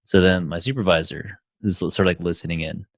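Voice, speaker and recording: Deep-voiced man telling a rambling story. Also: steady tone, quick pace, no room sound. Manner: rambling, full of "like" and swearing. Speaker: podcast co-host. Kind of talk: casual storytelling chat.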